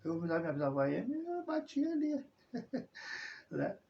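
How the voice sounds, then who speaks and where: Very high and slow, this man's voice swings hugely in pitch over slight background noise. The dull lo-fi clip features a religious video host from southern Brazil rambling through a casual personal monologue, with lots of tag questions and self-corrections.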